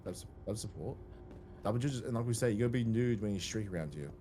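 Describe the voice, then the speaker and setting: A young man chatting casually while gaming on stream, excitable and swearing, thanking viewers. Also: fairly low pitch, fast talker. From Australia. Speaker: gamer on a stream. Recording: loud background noise.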